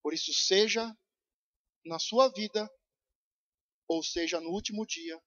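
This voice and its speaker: Casting: Brazilian male preacher, high voice, fiery sermon, urgent shouting then hushed intensity, muffled church tape. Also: takes it slowly. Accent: Brazilian Portuguese, São Paulo. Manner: shouting urgent pleas, then dropping to low intense tones. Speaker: pastor. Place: church service.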